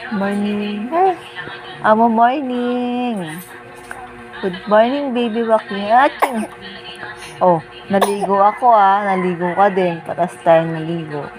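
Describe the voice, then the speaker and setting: A woman from the Philippines, a mother and family vlogger, coaxing her baby to repeat first words in slow, repetitive baby talk. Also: medium pitch, low-quality recording. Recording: background music over the voice.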